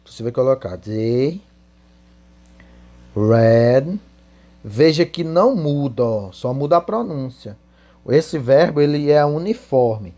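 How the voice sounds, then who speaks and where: A man's voice: fairly high pitch, animated, moderate pace, warm tone. A man teaching English in Portuguese, spelling out English answers word by word and then translating them. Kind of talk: slow classroom explanation.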